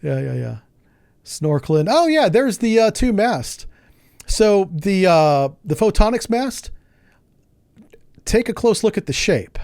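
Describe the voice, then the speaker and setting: Male streamer, chatty and quick to laugh, higher-pitched speaking voice. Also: very animated, gravelly, darkish tone, no echo, studio quality. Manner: chatty, jokey, laughs often, thinks aloud. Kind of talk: casual live gameplay commentary.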